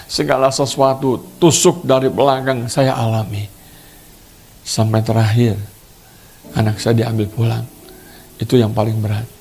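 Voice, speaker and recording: Pastor preaching over soft music. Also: male voice, vocal fry. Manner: preaching with sudden leaps to a high, loud voice for emphasis. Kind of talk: sermon.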